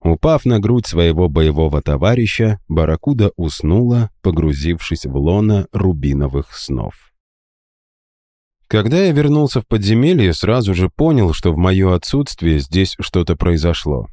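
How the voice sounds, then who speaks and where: A man narrating a fantasy audiobook in an expressive storytelling manner, in both third and first person. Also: deep voice, normal speed, no room sound, clean studio sound.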